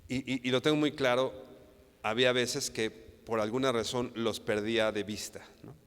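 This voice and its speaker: A man's voice: medium pitch, fairly even intonation, normal speed, a bit bright, smooth. A man from Mexico with a Mexican accent preaching a sermon, earnest and repetitive, often stumbling and restarting with tag questions. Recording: long reverb hall.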